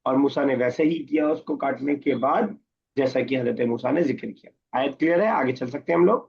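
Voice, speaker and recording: A man teaching an online class word by word, reading Arabic slowly, then explaining it in Urdu and asking his students questions. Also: medium pitch, vocal fry, slightly rough. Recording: muffled lo-fi online class audio.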